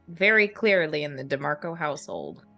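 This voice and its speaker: A woman's voice: low voice, big pitch swings, normal speed, vocal fry, a bit bright, faint music behind. A woman acting as game master, bantering casually and setting improvised scenes for players.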